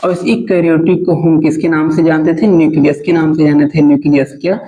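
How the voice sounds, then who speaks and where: Guy teacher, fairly high voice, drills answers by repeating them, roomy echo. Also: flat delivery, fast, warm tone. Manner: asks a question, then repeats the answer again and again. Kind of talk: biology lesson in Hindi.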